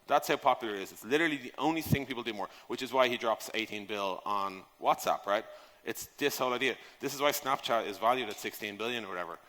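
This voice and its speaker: A conference speaker on software product design talks at a quick pace in a mid-range, pushed and bright voice. His talk from the stage of a big hall is informal and emphatic, peppered with rhetorical questions and casual swearing, amid long, echoing reverb.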